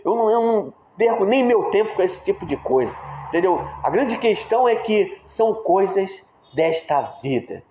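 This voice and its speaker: A man preaching a sermon at a prayer service with a Brazilian Portuguese accent, lively and questioning his congregation. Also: high voice, normal speed, slight background noise. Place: church hall. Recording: echoey church room.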